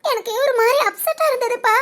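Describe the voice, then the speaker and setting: A woman playing an anxious, tearful young daughter in an amateur family drama, soft and pleading. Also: very high voice, quick pace, a little hiss or hum. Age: young adult. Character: tearful young adult daughter, anxious about leaving home.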